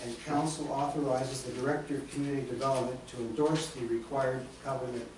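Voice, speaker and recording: In a town council chamber full of echo, a mid-range male voice leads proceedings, reading motions and asking for votes at a brisk, procedural pace. He's positioned well away from the microphone, and a steady room hiss runs beneath him.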